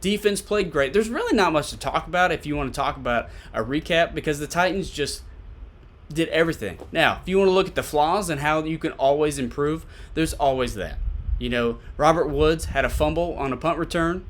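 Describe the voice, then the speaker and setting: A man's voice: on the high side, fairly quick. A man giving casual solo sports commentary as a podcast host, conversational and repeating points for emphasis. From Tennessee, USA.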